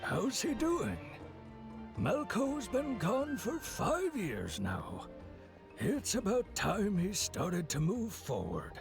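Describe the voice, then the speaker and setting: An actor voicing a gravelly old male villager in a video game, recounting events in a measured, solemn way, with game music playing behind. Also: sits high, huge pitch swings, heavily acted. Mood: conversational. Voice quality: gravelly, creaky.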